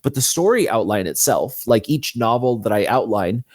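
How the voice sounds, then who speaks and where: Speaking at normal speed with lively intonation and a medium-pitched voice, a man interviewed as an author talks through his own method. He keeps it conversational, casual and matter-of-fact.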